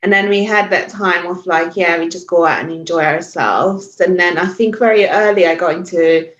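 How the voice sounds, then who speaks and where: Over muffled, echoey remote audio, this Hungarian-accented woman talks reflectively as a yoga teacher guesting on a podcast. Her low voice holds a steady tone at a moderate pace, a bit bright, though she hesitates and restarts often, leaning on fillers.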